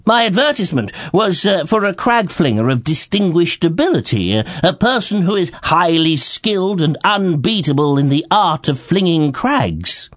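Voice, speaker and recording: Man putting on a stuffy king voice, lots of um and uh, goes bossy, lively. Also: on the high side, normal speed, hardly any pauses, no room sound, studio quality, pitched above the performer's own voice. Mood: pompous. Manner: hesitant, hemming, then stern and authoritative. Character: gloomy, pompous middle-aged male king.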